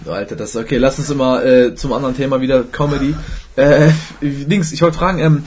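A man's voice: mid-range voice, steady tone, brisk, darkish tone, a little hiss or hum. A young man hosting a podcast in casual, slangy chat, laughing often. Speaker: podcast host.

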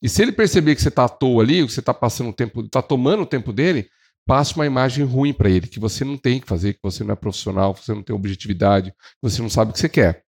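A Brazilian man talks through sales advice as a podcast co-host. He is lively and expressive, speeding up and slowing down and acting out what clients say, with a voice of ordinary middle pitch for a man. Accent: Brazilian Portuguese. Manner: animated, shifts pace and acts out clients. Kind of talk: casual advice talk on sales.

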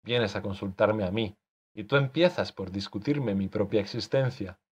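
A man's voice: fairly low pitch, moderate pace, darkish tone, husky. A man reading an audiobook, voicing an irritable author who scolds the character he created. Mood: indignant. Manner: exasperated, scolding. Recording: dull lo-fi recording.

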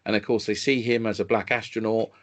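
Speaking fast in a fairly low, fairly even voice, this man co-hosts a podcast about films. His casual reviews are enthusiastic but keep tripping over restarted sentences.

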